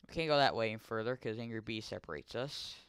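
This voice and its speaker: A young man casually commenting on his gameplay, chatting to in-game characters and yelling curses when startled. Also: on the low side, quick pace, smooth, no echo, clean studio sound. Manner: yells and swears when startled. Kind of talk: casual let's-play commentary.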